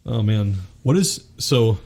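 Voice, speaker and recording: Low-voiced male guest, earnest and preachy. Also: expressive, slow pace, warm tone. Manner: earnest, preacher-like, quotes scripture. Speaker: podcast guest. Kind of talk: spiritual teaching in conversation.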